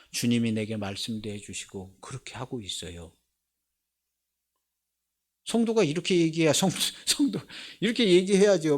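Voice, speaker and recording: A pastor giving a conversational Sunday sermon, acting out little dialogues and dropping from loud emphasis to hushed asides. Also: male voice, medium pitch.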